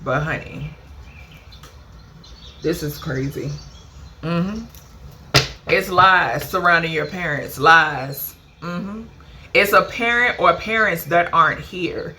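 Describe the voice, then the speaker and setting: Speaking slowly in a fairly low voice with long pauses and background noise, a woman does a casual channeled card reading for her viewers. Her delivery is chatty and emphatic, with casual swearing, pet names like "baby" and "honey," and a questioning "okay?" closing nearly every phrase.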